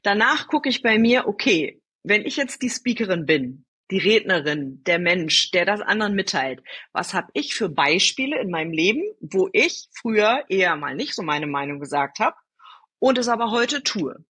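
A woman guest in a podcast interview, telling personal stories in a lively way, answering her own rhetorical questions and speaking straight to the listener. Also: mid-range voice, moderate pace, breathy edge. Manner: addresses the listener directly. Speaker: storytelling guest.

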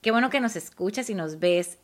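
A woman's voice: medium pitch, lively intonation. A woman, co-hosting a casual live stream and reading viewer comments aloud in a chatty way. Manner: reads comments aloud warmly, quick and chatty.

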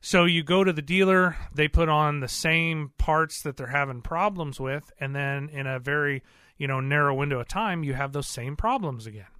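A man talks shop about car repairs in a bright, forward voice that sits a little high for a man. He is earnest and plain-spoken and rambles on with fillers and restarts. The room is dry, with no echo. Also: moderate pace, clear, resonant tone. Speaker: auto repair shop owner. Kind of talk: casual interview talk.

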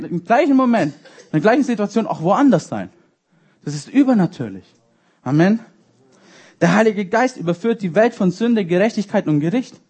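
A young male youth leader preaching with a voice pitched a little above the usual for a man. He tells stories and speaks straight to the congregation in a lively way. His sermon keeps the easy, chatty feel of a personal anecdote. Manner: lively storytelling, acts out dialogue, addresses congregation directly. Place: church service.

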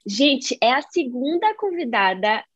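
A woman's voice: high voice, very animated, measured pace, slightly rough, no room sound. A woman hosting a podcast and interviewing a guest in a chatty, casual way. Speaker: podcast host. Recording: dull lo-fi sound.

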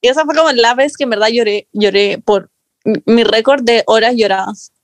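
A young Chilean woman tells a story among friends, slangy and animated, quoting others as she goes. Her voice sits a little high. The sound is dry and close. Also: normal speed, no echo. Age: young adult. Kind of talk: casual storytelling chat.

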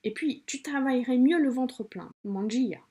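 Woman putting on Italian café mamma, put-on Italian accent, bossy, insistent, mellow tone. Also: high voice, moderate pace, voice pushed up, close to an everyday voice. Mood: scolding. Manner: insistent, scolding, fussing.

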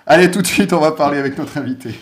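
A man hosting a live comedy show, bantering and quick to laugh. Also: on the high side. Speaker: show host.

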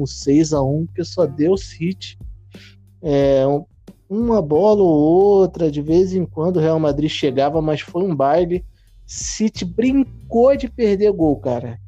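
A man's voice: a little high, mellow. Brazilian man on a muffled call line. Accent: Brazilian Portuguese. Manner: joking, slangy banter. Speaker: podcast co-host. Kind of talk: casual football chat. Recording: dull lo-fi call audio.

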